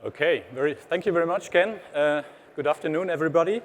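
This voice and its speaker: German-accented male presenter, hesitant and explanatory, slightly high voice, reverberant hall. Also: fast talker. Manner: hesitant, many uh fillers, explanatory. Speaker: trade association head presenting. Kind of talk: conference presentation. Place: large exhibition hall stage. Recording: reverberant hall, faint background noise.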